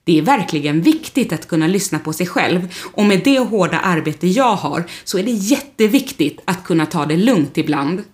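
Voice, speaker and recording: A woman's voice: fairly low pitch, animated, few pauses, a little mellow, lightly acted. A woman reading a storybook voices a teasing, self-assured woman. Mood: relieved. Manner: teasing, pointed.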